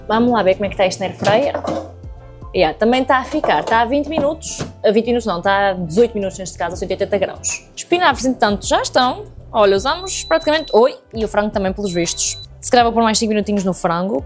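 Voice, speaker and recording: A young woman with a European Portuguese accent chats casually to her viewers while cooking in her home kitchen, in the style of a cooking vlogger's relaxed tutorial. Her voice is fairly high and sing-song, and she talks fast over faint background music.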